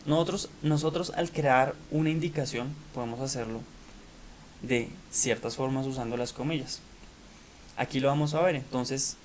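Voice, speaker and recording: A man's voice: medium pitch, poor audio. Guy teaching an online class, lots of ums and restarts, faint hiss behind. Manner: hesitant, many fillers and restarts. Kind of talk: recorded online lesson.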